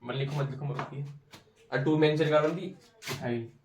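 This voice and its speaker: A man's voice: a little high, fairly even intonation, normal speed, a little hiss or hum. A young man tutoring chemistry informally, drilling each step and repeating answers. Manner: drills step by step, repeats answers, teasing and pushy when challenged. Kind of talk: informal classroom explanation. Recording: roomy echo, recorded from a distance.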